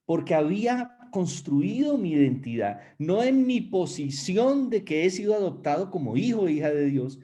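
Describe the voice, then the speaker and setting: A male pastor preaching a sermon, his voice set fairly high with a mellow, soft tone. He talks emphatically and directly to the congregation, speeding up and slowing down to stress points. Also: sing-song. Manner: emphatic preaching with shifting pace; addresses listeners directly.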